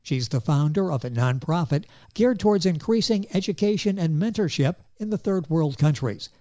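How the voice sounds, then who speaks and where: Man, show host, mellow tone, slightly high pitch, polished delivery. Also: lively intonation. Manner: polished, warm introductions, reads details slowly. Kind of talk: hosting an interview.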